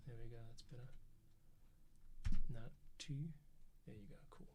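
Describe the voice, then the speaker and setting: Muttering as he edits, a podcast editor and host offers casual thinking-aloud commentary, humming and counting along. He has a mid-range voice and speaks a little slowly. Loud music plays over him, with crowd noise and keyboard typing in the background.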